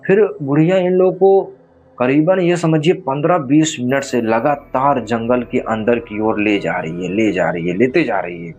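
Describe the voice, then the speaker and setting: A man's voice: mid-range voice, normal speed, a little mellow, muffled recording. A man narrating a horror story in a casual, conversational way, speaking straight to the listener. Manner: conversational, addresses listener directly.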